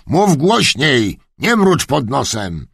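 A man doing a booming, blustering old duke. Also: sing-song, slow, vocal fry, husky, no echo, studio quality, exaggerated voice. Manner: booming, shouting. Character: grumpy old male duke, blustering, half-deaf.

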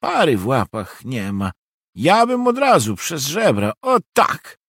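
Merciless Cossack, cruel and mocking, read by a man, husky and dry. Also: mid-range voice, wildly swooping pitch, takes it slowly, fairly bright tone, no echo, pitched above the performer's own voice, full character voice.

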